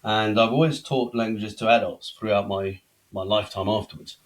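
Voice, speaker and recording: In a lowish voice with fairly even intonation and normal speed, a middle-aged man from Belgium tells his life story as a podcast guest. The conversation is chatty, and he's self-deprecating.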